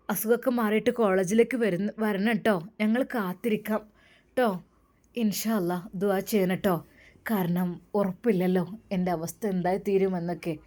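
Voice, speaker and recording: A gentle, sad young woman from a spoken story, her voice soft and subdued, as a woman narrator voices her. She speaks quietly, a touch lower and more muted than the narration. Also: lightly acted.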